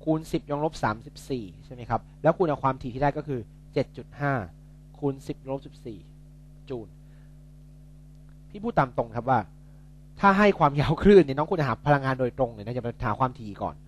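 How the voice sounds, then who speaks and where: A man's voice: mid-range voice, lively intonation, fairly quick, a little hiss or hum. A young man tutoring physics in a casual, chatty way, joking and correcting himself as he works through problems.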